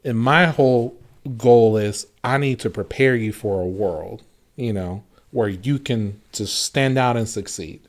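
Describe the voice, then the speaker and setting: A man's voice: fairly low pitch, unhurried. A man in his thirties co-hosting a casual faith podcast, talking earnestly and reflectively with lots of fillers and restarts. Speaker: podcast co-host.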